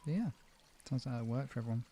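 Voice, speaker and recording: A man talks fast with a medium pitch, lively intonation and a dark tone, over a little hiss or hum. He's a live stream host and relaxation guide chatting casually and improvising with viewers, often rambling and trailing off mid-thought.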